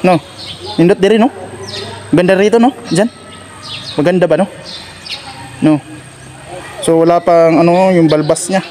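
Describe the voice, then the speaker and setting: A man hosting a casual walking vlog with an Agusan del Sur accent, speaking in a coaxing, repetitive way as he gently encourages his companion outdoors. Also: high-pitched, steady tone, a little slow, long pauses, a little hiss or hum. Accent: Agusan del Sur Filipino. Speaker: vlogger host. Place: outdoors on a street and court.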